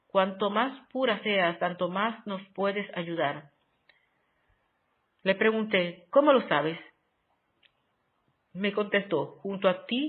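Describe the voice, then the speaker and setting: A narrator reading a spiritual diary aloud in a measured, solemn, devotional way with long pauses. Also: mid-range voice. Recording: tinny phone-like sound.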